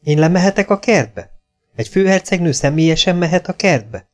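A man's voice: sits high, expressive, pitched above the performer's own voice. A man reading aloud voices a frank, direct young woman posing as an archduchess. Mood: bossy. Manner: frank and direct, stammers when flustered.

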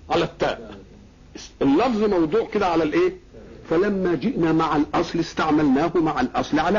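A man with an Egyptian Arabic accent delivers a Quran commentary lecture in a fairly high voice. He teaches by asking his listeners questions and answering them himself, driving points home through repetition. The recording is dull and lo-fi, like an old tape. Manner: teacherly, repeats key words for emphasis. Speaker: religious scholar.

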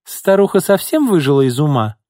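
A man voicing a haughty, scheming woman who talks in a shrill, icy, sneering way. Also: expressive, moderate pace, darkish tone, dry recording, clean studio sound. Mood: shrill angry.

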